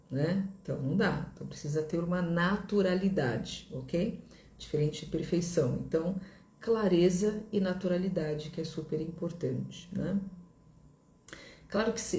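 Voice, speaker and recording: A woman's voice: low voice, mellow, roomy sound. A woman explaining a lesson in a conversational way, often checking in with the listener with little tag words. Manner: conversational, repeats points with fillers like "né" and "tá". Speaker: English teacher.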